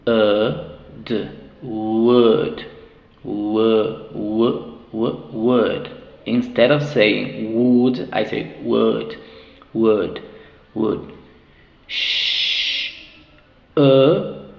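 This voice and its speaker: A man teaching pronunciation, patiently explaining and drilling sounds with slow, exaggerated repetition. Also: medium pitch, creaky. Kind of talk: pronunciation lesson. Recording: echoey roomy sound, dull lo-fi.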